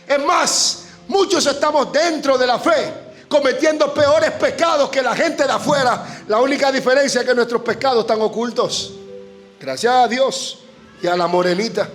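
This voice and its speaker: A Panamanian man preaches with fervor in a very high voice and keeps pushing toward shouted peaks. He is a guest preacher in front of a church congregation. Faint music sits underneath him. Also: normal speed. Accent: Panamanian Spanish. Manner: fervent, often shouting, rising to emotional peaks. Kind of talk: impassioned sermon.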